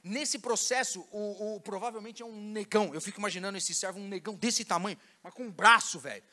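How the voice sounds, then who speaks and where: A São pastor preaching in a very high, bright voice. He tells the story casually and full of slang, acting out each scene as he goes. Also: brisk. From Brazil. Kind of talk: sermon. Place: church.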